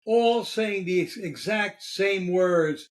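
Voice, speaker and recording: A man's voice: sits high, slow, rough recording. A man hosting a casual political chat show, talking in a blunt, heated and profane way. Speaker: podcast host.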